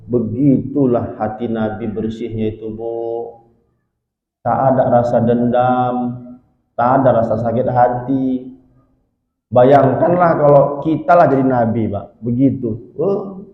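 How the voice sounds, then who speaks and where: A male preacher telling a story in a sermon, lively and constantly addressing the congregation. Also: mid-range voice, slow pace, pauses often, phone-quality sound. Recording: echoey hall.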